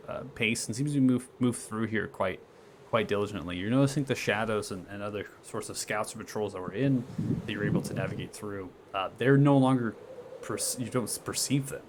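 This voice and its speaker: A man working as game master, narrating a tabletop game in a halting, improvised way with frequent tag questions. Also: fairly low pitch. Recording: clear background noise.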